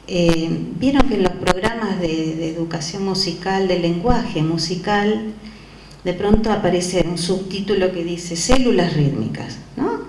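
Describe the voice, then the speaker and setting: Woman, music teacher, lowish voice, questioning lecture manner, echoey room, background noise. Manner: explanatory, frequent questioning tags. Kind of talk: classroom lecture. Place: classroom.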